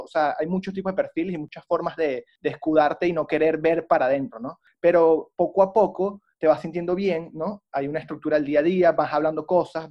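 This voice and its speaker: A young Venezuelan man speaks quickly in a slightly high voice, telling his story in an animated way. The recording is dull and lo-fi. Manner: rapid, animated storytelling with fillers like ¿sabes? and ¿no?. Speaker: guest recounting addiction recovery. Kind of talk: conversational interview.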